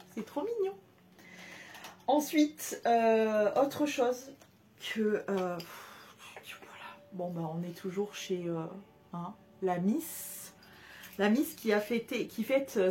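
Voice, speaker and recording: Gushing chatty young woman, slightly high. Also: a little mellow. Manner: gushing, chatty, many fillers and restarts. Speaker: haul vlogger. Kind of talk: casual haul video chat.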